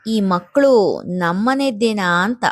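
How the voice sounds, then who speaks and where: A woman's voice: mid-range voice, expressive, slow. A woman voicing a spiteful, accusing woman. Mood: insinuating.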